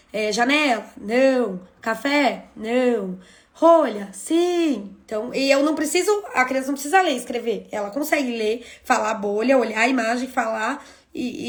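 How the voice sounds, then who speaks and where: A woman with a fairly high voice teaches an online class in a chatty way. She asks a question, then answers it herself, and often adds little checks like "right?" along the way.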